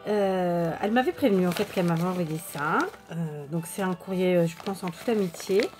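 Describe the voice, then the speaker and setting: Chatty woman crafter over soft music. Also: on the low side, fairly quick. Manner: chatty, many fillers and restarts, warm thanks. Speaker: crafting YouTuber. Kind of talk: casual chat showing mail and purchases.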